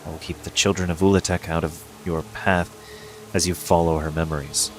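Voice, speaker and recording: A man's voice: low voice, level tone, fairly quick, faint music behind. A man reading video game quest dialogue aloud with casual asides.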